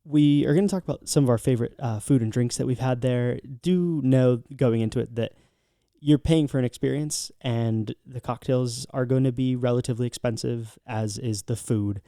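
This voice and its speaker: A man's voice: medium pitch, moderate pace, mellow, dry recording, clean studio sound. An American man co-hosting a podcast, chatting casually as he gives travel recommendations. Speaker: podcast co-host.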